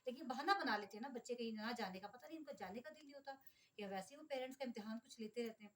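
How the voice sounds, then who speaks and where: A fast-talking middle-aged woman from Pakistan, vlogging in a casual, running monologue. Her voice sits a little high, and she sounds exasperated as she complains straight to her viewers. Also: fairly bright tone. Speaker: vlogger, mother.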